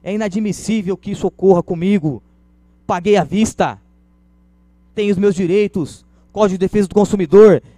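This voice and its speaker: A man voicing an angry male customer who complains loudly. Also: sits high, normal speed, no room sound, pitched above the performer's own voice, natural voice. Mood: indignant. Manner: loud, complaining.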